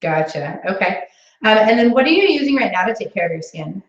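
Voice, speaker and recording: A woman acting out an upbeat sales phone call, using a much higher, bubbly, eager voice. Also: big pitch swings, brisk, recorded from a distance, natural voice. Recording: echoey room, slightly dull sound.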